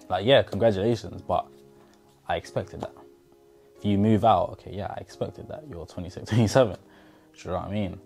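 Deep and dark in tone, this man's voice carries an earnest motivational message aimed directly at the viewer. He's in his twenties, filming in his bedroom and using a clip-on lapel microphone.

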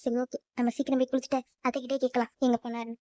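A woman's voice: flat delivery, very noisy, lightly acted. A woman voicing an anxious young newlywed wife who frets and pleads in a cartoon. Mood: fretful. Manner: high, quick, fretful self-talk.

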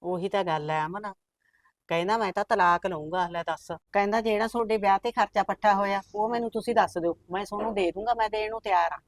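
An older woman playing a worried village mother who pleads gently with her family. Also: mid-range voice, quick pace, no room sound, natural voice. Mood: weary. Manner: soft coaxing pleas, repeated "putt". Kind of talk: rural family drama acting.

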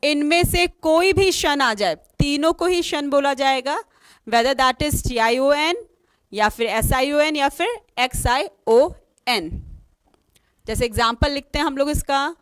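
A woman's voice: sits high, animated, unhurried, fairly bright tone, no echo. A woman teaching an online exam-prep lesson, spelling words out letter by letter and asking questions she then answers herself. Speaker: English teacher.

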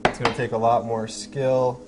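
A young man hosts a cooking show from a home kitchen, casually walking through each step as he cooks. His medium-pitched voice moves at a moderate pace over music, with frying and sizzling from the pan in the background.

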